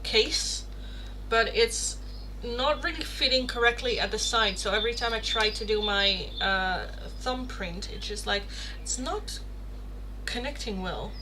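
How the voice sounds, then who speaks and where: Over a rough recording with clear background noise, a woman with a slightly high voice speaks at a measured pace. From the Netherlands and a native Dutch speaker, she hosts a live tarot stream, chatting casually and expressively with viewers and swearing in a playful way.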